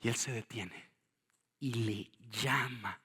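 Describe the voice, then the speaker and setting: A middle-aged man preaching a sermon, moving between hushed slow phrases and loud, fervent calls, speaking straight to his congregation with rhetorical questions. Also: mid-range voice, breathy edge. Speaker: pastor.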